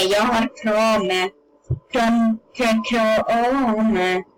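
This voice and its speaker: Excitable woman playing a video game. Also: on the high side, low-quality recording. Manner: playful, excitable, sudden yelps and silly sing-song bits. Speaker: gameplay video maker. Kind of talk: casual gameplay commentary.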